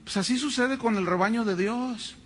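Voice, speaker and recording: A man's voice: extremely high pitch, moderate pace, a little hiss or hum. A man preaching a sermon as pastor, telling stories with humor and acting out other people's voices. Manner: animated storytelling with humor and acted-out voices.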